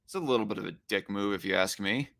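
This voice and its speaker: A man giving off-the-cuff reaction commentary in a blunt, argumentative way, often halting to search for words. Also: fairly low pitch, a bit bright. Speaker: commentator responding to a played discussion.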